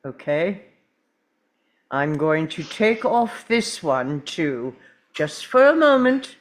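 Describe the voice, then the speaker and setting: An actor playing an urgent, commanding time-travelling doctor in a dramatic script read, with deliberate, halting delivery. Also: mid-range voice, very animated. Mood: tense, hushed.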